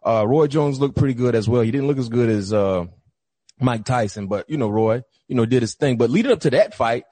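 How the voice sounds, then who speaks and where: A man's voice: mid-range voice, animated, fairly quick, dark tone, no echo. A man co-hosting a sports talk show, telling stories with lots of animation and acting out the coaches he quotes. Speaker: podcast co-host. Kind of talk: casual sports chat.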